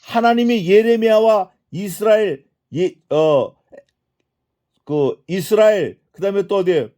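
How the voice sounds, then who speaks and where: Preaching an expository sermon, this middle-aged male pastor speaks at a measured pace in a high-pitched, warm voice. He asks his congregation questions, supplies the answers himself, and dramatizes the prayers and speech he quotes.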